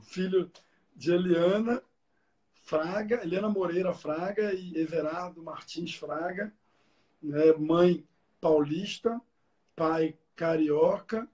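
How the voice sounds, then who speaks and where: High-voiced young man, chatty. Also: a little mellow. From Rio de Janeiro, Brazil. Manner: talkative, many fillers and repeated words. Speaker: guest, environmental engineer. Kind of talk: casual interview talk.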